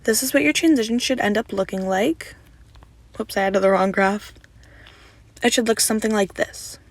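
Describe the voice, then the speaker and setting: Still a little raspy from just waking up, a young video editing tutorial creator narrates a screen-recorded tutorial in a casual, chatty way. Her medium-pitched voice moves at a moderate pace in a dry recording, guiding step by step with "so yeah" fillers.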